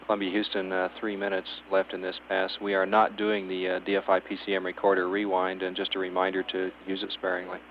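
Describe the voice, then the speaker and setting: A man's voice: sits low, monotone, fast talker, hardly any pauses. A man working as a spacecraft communicator, speaking in clipped, procedural phrases over a radio link. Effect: radio transmission. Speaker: mission control spacecraft communicator. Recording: dull narrowband radio, faint hiss and hum.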